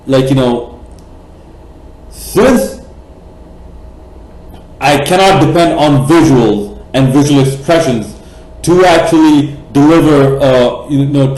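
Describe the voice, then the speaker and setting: A man's voice: a little high, darkish tone. A man from Bangladesh ranting passionately in a cricket vlog, rambling with many fillers and restarts, blunt and profane. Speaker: cricket vlogger. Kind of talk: opinionated vlog rant. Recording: echoey room.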